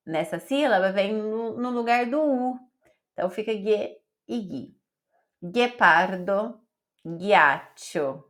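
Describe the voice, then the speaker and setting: A woman teaches an online pronunciation lesson at an unhurried pace. She spells out letters and syllables with careful, deliberate repetition. Her voice sits in a middle pitch. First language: Portuguese. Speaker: Italian teacher.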